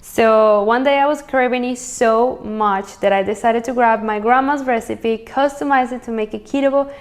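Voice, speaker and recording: Upbeat woman from Venezuela, slightly high voice, casual chatty recipe host. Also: moderate pace. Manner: chatty, upbeat, lists ingredients as she cooks. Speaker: cooking channel host.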